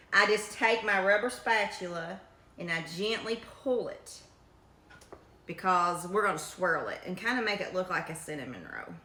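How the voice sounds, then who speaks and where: A woman's voice: medium pitch, pushed and bright. A middle-aged woman with a Kentucky accent, chatting in a folksy, homespun way as she demonstrates home cooking. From Kentucky, United States. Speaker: home cook presenting a recipe. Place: home kitchen, indoors. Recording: echoey room with faint noise.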